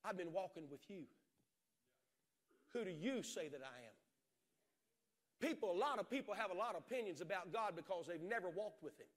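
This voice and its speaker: A middle-aged man preaching an impassioned sermon on a large church stage, swinging from shouts to hushed storytelling. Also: high-pitched, animated, fairly quick, long pauses. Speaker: pastor.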